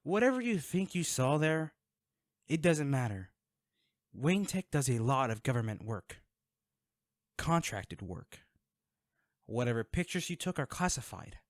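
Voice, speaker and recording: In an audio drama, a man plays a wealthy, secretive vigilante, recorded dry and intimate. His medium-pitched voice is very animated, swinging from sarcasm to curt menace as he addresses the listener directly, guarded and threatening. He keeps a measured pace with long pauses.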